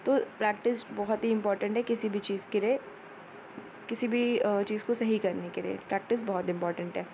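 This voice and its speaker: Woman lecturing in slow, repetitive Hindi. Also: medium pitch, steady tone, background noise. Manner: explains in Hindi, reads English headings out slowly; repetitive, with many fillers. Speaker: teacher. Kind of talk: exam-prep lecture.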